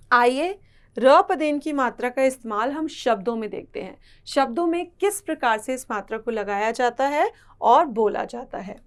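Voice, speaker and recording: A woman's voice: sits high, clean tone. A woman teaching a children's Hindi reading lesson, patiently spelling out sounds syllable by syllable.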